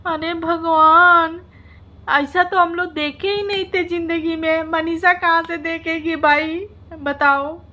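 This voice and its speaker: High-pitched mocking woman vlogger. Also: fairly even intonation, takes it slowly, pushed and bright. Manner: mocking and teasing, breaks into laughter; mock-dramatic wailing. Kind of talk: casual reaction vlog.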